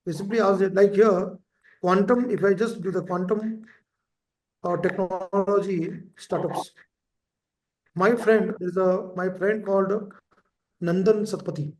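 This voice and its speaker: Man, teacher, high voice, lecture style, repeats terms, echoey room. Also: steady tone, unhurried, long pauses. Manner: repeats key terms, asks frequent "right?" checks. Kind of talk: lecture for exam preparation.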